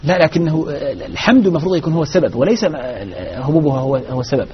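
A man teaching Arabic grammar in a live lesson, explaining in a measured way with frequent restarts. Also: fairly high pitch, expressive, crowd noise. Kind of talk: live lesson answering questions. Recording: dull lo-fi recording.

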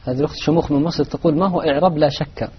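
A man's voice: fairly high pitch, fairly even intonation, very fast, slightly rough. A man moderating a lesson, reading out listeners' questions and giving brief acknowledgments. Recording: dull lo-fi recording.

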